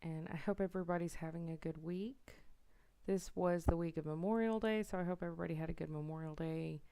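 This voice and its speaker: A woman's voice: lowish voice, steady tone, fairly quick, dark tone, clean tone. A young woman narrating her planner decorating in a casual, apologetic voiceover. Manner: apologetic, self-deprecating, chatty. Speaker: planner vlogger. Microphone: voiceover mic.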